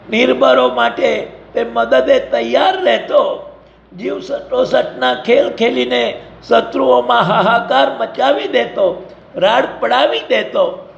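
A man's voice: extremely high pitch, vocal fry. A man narrating an adventure story in a vivid, emphatic storytelling manner. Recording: dull lo-fi recording.

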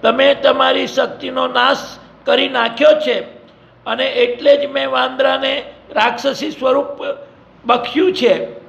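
A man voicing a scheming villain potion-maker, gravelly and high. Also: level tone, measured pace, a bit bright, heavily acted. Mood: accusing. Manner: accusing, menacing. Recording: echoey, dull lo-fi recording.

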